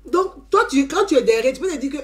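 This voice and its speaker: Woman, animated storyteller with a sing-song swooping voice, emphatic and repetitive. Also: high-pitched, fast talker. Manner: emphatic, repeats phrases, tags lines with "hein". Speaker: community member giving a testimony.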